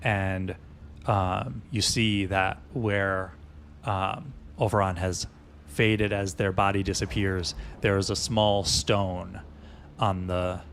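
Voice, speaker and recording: A man narrating as dungeon master in a loose, halting way with many fillers. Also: sits low, fairly even intonation, vocal fry, a bit bright, a little hiss or hum. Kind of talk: narrating a tabletop game.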